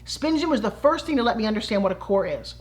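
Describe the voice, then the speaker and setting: A woman's voice: mid-range voice, animated, quick pace. A middle-aged woman teaching a fitness-toy demo in a chatty, enthusiastic way with playful asides. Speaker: brand ambassador and fitness instructor. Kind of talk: instructional demo talk.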